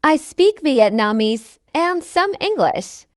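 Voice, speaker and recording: A friendly woman learner in a scripted practice dialogue, read by a woman. Her voice is high and lilting, with a wide swing in pitch. She speaks very slowly and shapes each word with care. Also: very animated, no room sound, clean studio sound, heavily acted. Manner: slow, carefully enunciated, each line said twice. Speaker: dialogue reader.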